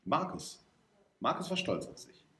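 A man reading a story aloud as narrator, in a lively, expressive way. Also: on the low side, normal speed. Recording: roomy echo.

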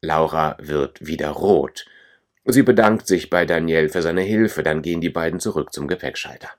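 A man narrating a scripted storybook for learners, calm, clear and plain. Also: extremely low pitch, normal speed.

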